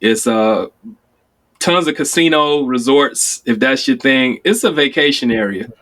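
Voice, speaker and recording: A man in his forties from Chicago, telling stories in casual conversation, acting out quoted lines with sudden jumps in pitch. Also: a little slow. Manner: animated storyteller, acts out quotes with sudden high pitch jumps. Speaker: guest.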